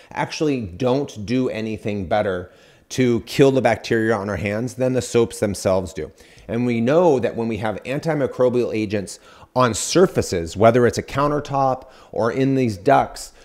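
A man's voice: mid-range voice, a little mellow. A man in his forties, a home builder hosting a show, explaining step by step to camera in an earnest, critical way, recorded on a studio mic indoors. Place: dim studio room, indoors. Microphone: studio mic on boom in front.

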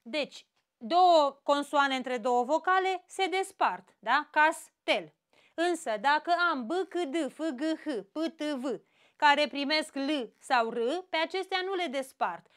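A woman's voice: high voice, expressive, fairly bright tone. A woman with a Romanian accent teaching an exam-prep grammar lesson, explaining step by step and checking in with short questions.

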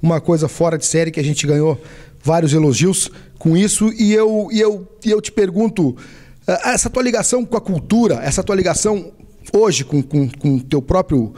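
A man's voice: high voice, normal speed, warm tone. A middle-aged man with a southern Brazilian gaúcho accent, hosting a TV show and chatting with a guest. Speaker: TV show host. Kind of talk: conversational interviewing. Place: small indoor TV studio. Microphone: handheld microphone.

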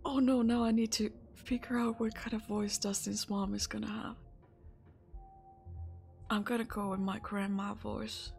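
A woman reads game text aloud and adds her own expressive commentary as a streamer. She takes her time, at a medium pitch, with soft music underneath. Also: unhurried, creaky, long pauses. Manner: expressive, reacts out loud.

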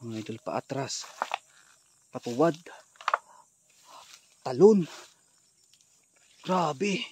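A man vlogging a ghost hunt alone in rural undergrowth, talking straight to his viewers and often shouting in alarm or chanting prayers. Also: mid-range voice, moderate pace, background noise. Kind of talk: live outdoor ghost-hunt vlog. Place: rural undergrowth outdoors, insects heard.

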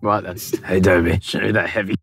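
A man's voice: deep voice, little pitch movement, brisk, vocal fry, a little hiss or hum. A man on a group challenge, complaining and joking anxiously inside a moving car. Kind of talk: casual banter.

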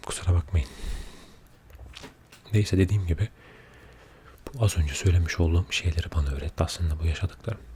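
A man with a very deep, dark and mellow voice talks softly, as if keeping quiet at night. It is an unhurried, confiding ASMR chat that often sinks close to a whisper, with a little noise behind it. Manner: quiet, low murmur at night, often dropping near a whisper. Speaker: ASMR video creator. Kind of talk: soft-spoken ASMR chat. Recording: audible background noise.

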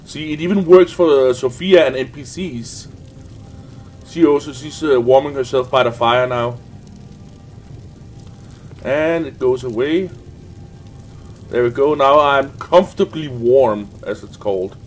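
Speaking in a mid-range voice, a young man fighting a sniffly cold hosts a loose, sweary let's play, rambling as he goes. He talks a little slowly and pauses often. He's at a desk indoors on webcam, and faint game music plays underneath.

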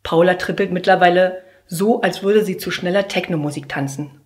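A woman's voice: lowish voice, moderate pace. Young woman performing slam poetry. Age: young adult. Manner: humorous storytelling, lively with sudden shouts. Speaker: trainee teacher. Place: theater stage. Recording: roomy echoey stage sound.

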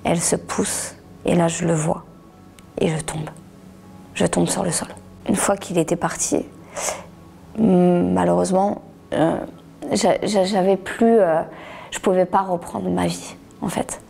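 A middle-aged woman gives a personal testimony in an interview, her low voice heavy with gravel and a dark, mellow tone. She talks haltingly, restarting words and sometimes sinking almost to a whisper. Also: fairly even intonation. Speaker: author giving a testimony.

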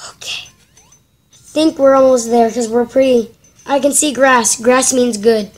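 Excitable high-voiced woman gaming. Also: measured pace. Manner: excitable, breaks into high panicked shrieks. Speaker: mobile game player. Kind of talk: casual gameplay commentary.

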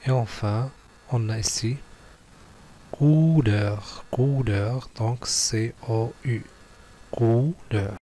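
Slow, patient male teacher. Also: mid-range voice, fairly even intonation, dark tone. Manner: patient, spells letters and syllables one by one. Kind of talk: slow classroom exercise walkthrough.

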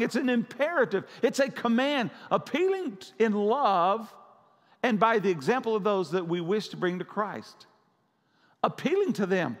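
A man preaching a sermon as pastor, urgent and repetitive, pressing his listeners. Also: sits high. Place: church sanctuary. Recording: long church hall reverb.

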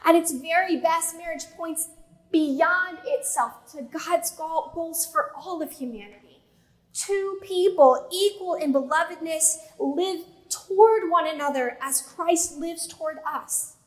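A pastor in her thirties, with a high, light voice, preaches a sermon from the pulpit of a church sanctuary that has a pipe organ. Her measured delivery slows and pauses to stress key words, with gestures, and the pulpit mic yields a rough recording.

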